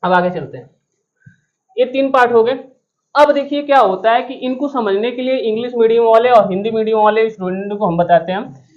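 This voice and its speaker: A man's voice: extremely high pitch, brisk, lo-fi sound. Male teacher drilling a class. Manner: repetitive question-and-answer drilling; joking asides to students. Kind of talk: classroom grammar lesson. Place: classroom with students present.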